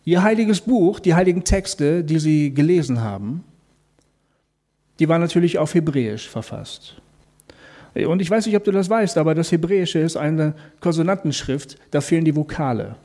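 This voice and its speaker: Mellow-voiced man giving a faith talk. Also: fairly high pitch, moderate pace. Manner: explains calmly, speaks directly to the listener; asks rhetorical questions.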